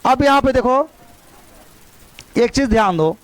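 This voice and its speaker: A man's voice: very high-pitched, expressive, a little slow, no echo, low-quality recording. A man teaching a grammar class, scolding students and drilling pronunciation by repetition.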